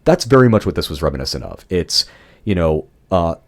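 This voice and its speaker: Young male podcast co-host, low voice, exasperated ranting reviewer with a loose mouth. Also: sing-song, fairly quick. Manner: ranting, exasperated, swears freely. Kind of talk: casual movie review chat.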